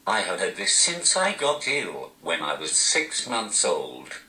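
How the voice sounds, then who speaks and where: A stand-up comedian from Newcastle, England, answers interview questions by typing them into a speech device, which speaks in a posh, robotic voice set very low yet swinging widely in pitch. His delivery is slow and deadpan with dry self-mockery, and the sound is bright and hard in a roomy, echoing space.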